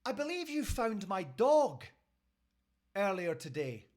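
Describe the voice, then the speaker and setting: A man doing a prim, high-voiced female neighbour. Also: big pitch swings, takes it slowly, darkish tone, exaggerated voice. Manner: prim, clipped politeness. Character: stiffly polite female neighbour.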